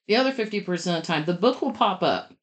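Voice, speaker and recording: A woman giving step-by-step advice in a conversational interview, talking quickly and in detail. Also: lowish voice, expressive. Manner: brisk, explains step by step, talks fast. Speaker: guest expert on publishing scams.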